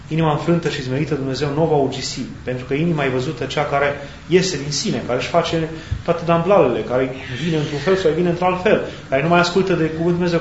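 A man preaches in a fairly high voice, calm and reflective, often pausing to find the right word. The sound is roomy and a little dull, with a faint hiss behind him. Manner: thoughtful, searching for words with pauses and restarts. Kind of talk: sermon.

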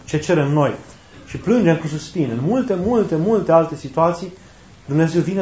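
A man's voice: a little high, darkish tone. Man preaching in an echoey room. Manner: conversational, rhetorical questions and repetition. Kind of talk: sermon. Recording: roomy, dull lo-fi recording.

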